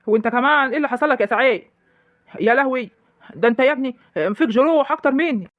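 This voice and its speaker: A performer playing a battered young rural husband in a comic village sketch, with a rural Egyptian accent, complaining fast. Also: high-pitched, expressive, no echo, narrow, tinny audio.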